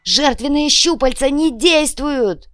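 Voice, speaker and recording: A panicked knight, as a woman reader puts him on, yelling high and loud in an audiobook. His voice shoots up and strains with alarm. The sound is close and dry. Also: slow, dry recording, soft background music. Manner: frantic shouting. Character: panicked male knight, shouting in despair.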